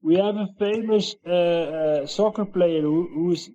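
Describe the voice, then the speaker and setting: A Dutch-speaking man, a music coach in training, chats casually in English with a Dutch accent on a video call, hesitant and full of fillers. His voice is high, a little slow and dark in tone, and the recording is low quality.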